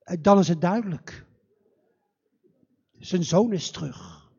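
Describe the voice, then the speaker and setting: A male storyteller tells a fairy tale live in a church, slow and dramatic, his high voice swooping widely. His tone is breathy and husky. The recording is dull and muffled. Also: animated, darkish tone.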